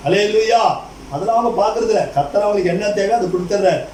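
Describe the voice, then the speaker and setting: A man's voice: high-pitched, quick pace, darkish tone, roomy sound, recorded from a distance, a little hiss or hum, poor audio. A male pastor preaching a fervent sermon, putting rhetorical questions to the congregation and addressing them directly again and again.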